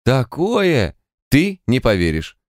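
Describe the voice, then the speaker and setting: A man voicing an excitable, boastful male joker in an audiobook. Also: medium pitch, takes it slowly, dry recording, clean studio sound, voice pushed up. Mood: excited.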